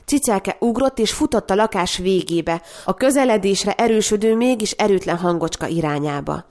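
A woman narrating a story aloud in a calm, expressive reading. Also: medium pitch.

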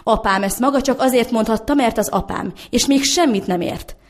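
A woman's voice: a little high, voice pushed up, lightly acted. Woman reading as an earnest, defiant young man. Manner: earnest, determined, pleading. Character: young man, earnest baker's son in love.

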